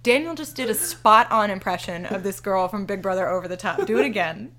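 A woman's voice: medium pitch, a little fast, a bit bright. A young adult woman co-hosting a podcast in casual chat, rambling and giggling as she talks. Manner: giggly, rambling, self-deprecating. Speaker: podcast co-host.

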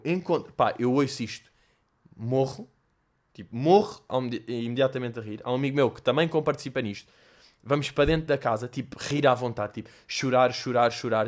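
A young man with a European Portuguese accent hosting a casual solo podcast, telling animated, slangy stories and laughing as he goes. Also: mid-range voice. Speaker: podcast host and comedian. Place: bedroom.

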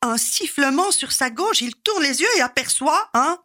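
A woman storyteller telling a folk tale expressively, with dramatic pauses and repeated refrains. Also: high-pitched, animated, sharp tone, dry recording, studio quality.

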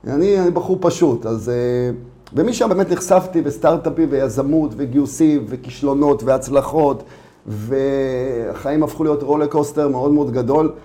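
A man's voice: mid-range voice, mellow. A middle-aged man with an Israeli accent, speaking informally and repeating himself as he tells his story in an interview. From Israel, immigrated from Latvia at age four. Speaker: interview guest, startup founder. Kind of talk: casual conversational interview.

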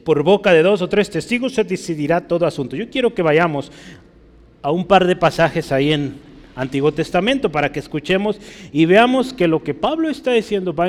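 A pastor giving a conversational sermon, often checking in with his congregation with quick questions. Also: fairly high pitch, darkish tone. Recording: reverberant hall.

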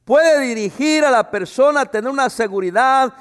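A man preaching a sermon as pastor, expressive, with personal asides to the congregation. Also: very high voice, moderate pace, clean tone. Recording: reverberant hall.

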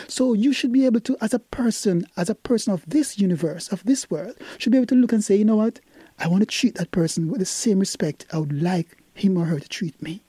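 Husky-voiced woman hosting a call-in show. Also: mid-range voice, warm tone, dry recording. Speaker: talk show host. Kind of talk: call-in radio talk.

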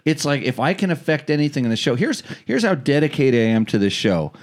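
A man's voice: mid-range voice, sing-song, quick pace. A man who normally hosts, now working as producer, teasing his stand-in host in a rambling way, stumbling over and repeating words. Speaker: regular host acting as producer. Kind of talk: casual comedic chat show.

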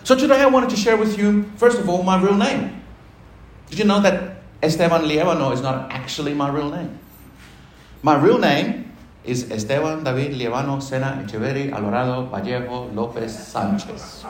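A pastor with a fairly high voice, speaking at a moderate pace, preaches about his own testimony. The spacious church hall gives the recording a roomy sound, and his delivery is conversational and self-deprecating, full of laughter shared with the congregation.

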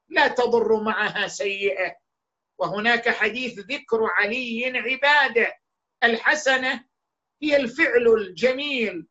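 A man delivers a sermon in a bright, forceful voice. His delivery is declamatory, with slow stressed words and sudden raised outbursts. The recording is dull and lo-fi. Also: very high voice. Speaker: preacher.

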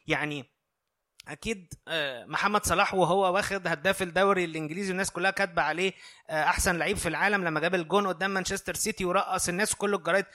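An Egyptian preacher man with a high, bright voice. He talks earnestly and conversationally, often turning to his listeners, and his words come quickly. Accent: Egyptian Arabic. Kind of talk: sermon.

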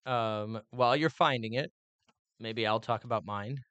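A man's voice: medium pitch, a little slow, fairly bright tone, no echo. A man hosting a casual family book discussion, playful and musing as he talks. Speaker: podcast host and father.

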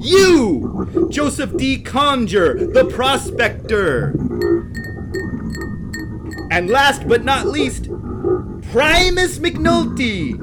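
Slick traveling salesman played by a man, theatrical, pompous, high animated voice, western audio drama, loud music behind. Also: extremely slow, long pauses, full character voice. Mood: gloating. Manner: pompous, showy, salesman patter.

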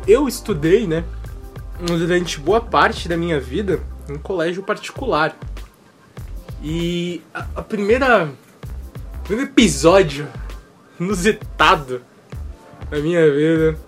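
A man in casual chat, lively and exclamatory as he starts his story. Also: high voice.

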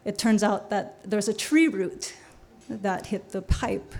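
A woman doing her low-key, evasive dad. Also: slow, darkish tone.

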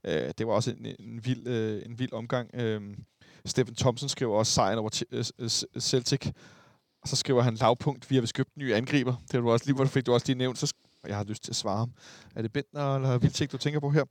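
A man's voice: medium pitch, steady tone, dry recording, studio quality. A Danish man hosting a podcast, hesitant with many fillers, reading out listener messages. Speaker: podcast host.

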